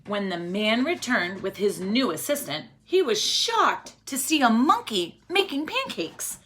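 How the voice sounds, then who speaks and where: Animated, bright-voiced woman reading to children. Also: fairly high pitch, measured pace, a little hiss or hum. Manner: expressive, prompting young listeners with questions and counting along. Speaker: teacher reading a picture book aloud to children. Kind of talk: children's read-aloud storytelling.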